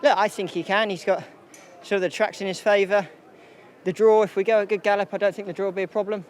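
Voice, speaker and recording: High-voiced, quick-talking male jockey. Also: level tone. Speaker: jockey being interviewed. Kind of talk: casual post-race interview.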